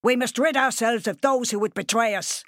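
A woman's voice: fairly high pitch, normal speed, dry recording, studio quality, voice pushed up, lightly acted. A woman reading an audiobook, voicing a harsh, scolding middle-aged farmer who is the father.

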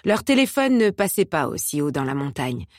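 A woman narrating an audiobook in a measured, steady reading style. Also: low voice, dry recording, studio quality.

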